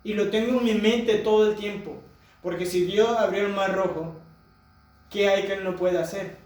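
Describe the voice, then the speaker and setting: High-voiced preacher in an echoey hall. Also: male voice, steady tone, moderate pace, darkish tone. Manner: rhetorical questions to the congregation. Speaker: pastor. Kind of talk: sermon. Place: church hall. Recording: echoey church hall from far off.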